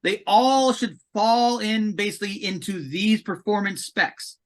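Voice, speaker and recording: Emphatic male podcast guest, high voice with a bright edge. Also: unhurried. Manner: emphatic and animated, repeats words. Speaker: commissioning consultant, podcast guest. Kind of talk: casual podcast conversation.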